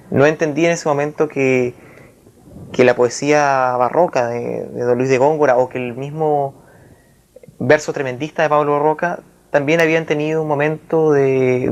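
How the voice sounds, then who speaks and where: In a reflective literary interview, a writer from Chile speaks with a medium-pitched, gravelly voice. His phrasing is formal, and he pauses and searches as he talks.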